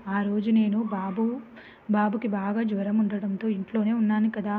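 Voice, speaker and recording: A woman's voice: mid-range voice, flat delivery, normal speed, lightly acted. Picture an anguished young village wife, pleading and tearful, her voice full of shame as a woman narrator puts her on. The sound is thin and phone-like. A faint hiss sits underneath. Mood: bitter. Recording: tinny phone-like recording with faint noise.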